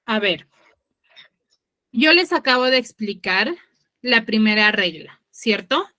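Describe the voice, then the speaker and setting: A woman teaches an online class over a video call, her voice pitched a little high and strikingly bright. She checks understanding with frequent tag questions and corrects herself mid-sentence, and the sound is close and dry. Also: animated, slow, no echo.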